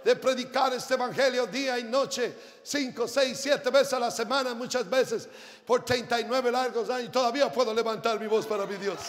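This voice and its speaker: An older man preaching a sermon as pastor, moving from quiet storytelling to shouted, fervent preaching. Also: very high voice, steady tone, normal speed. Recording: reverberant hall with faint crowd and noise.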